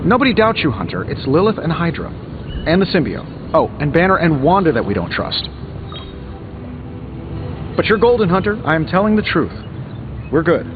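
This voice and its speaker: A man's voice: a little high, phone-quality sound. A man playing a cocky, sarcastic armored superhero inventor in a video game, full of wisecracks. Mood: teasing. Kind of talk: video game character dialogue.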